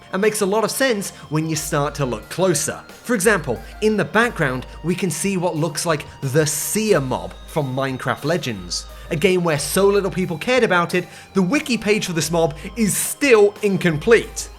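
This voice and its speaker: A video essayist delivering a scripted, unhinged rant in an exasperated, sarcastic way. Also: medium pitch. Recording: music playing behind. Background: background music.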